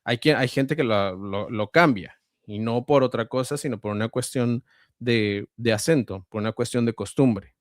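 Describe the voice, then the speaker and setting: A man with a central Mexican accent, a voice-over artist and guest, explaining at a measured pace with frequent hesitations. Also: medium pitch, no room sound, clean studio sound. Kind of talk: conversational interview answers.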